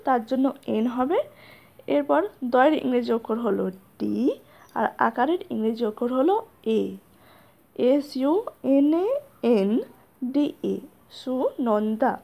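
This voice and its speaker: Woman teacher, high, mellow voice, methodical letter-by-letter spelling lesson.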